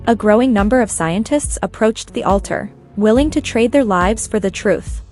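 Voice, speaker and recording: A woman reading a scripted story narration at a steady, even pace. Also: medium pitch, moderate pace, faint music behind.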